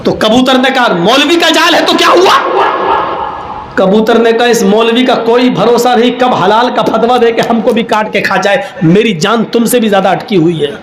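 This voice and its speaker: High-voiced preacher telling lively stories. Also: male voice, hardly any pauses, echoey room, a crowd in the background. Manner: animated storyteller who acts out characters and rises to shouts. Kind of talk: sermon with humorous storytelling.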